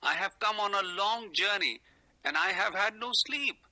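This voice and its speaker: A woman's voice: mid-range voice, animated, a little slow, bright, forceful tone. A woman voicing a timid little prince in a storybook, a polite and curious young boy speaking earnestly. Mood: embarrassed, timid. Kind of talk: storybook character voice.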